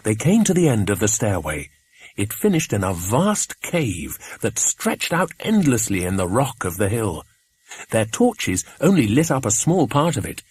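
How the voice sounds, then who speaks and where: A man reading a children's adventure audiobook aloud in measured, expressive narration. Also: lowish voice, breathy edge. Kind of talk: scripted storybook narration.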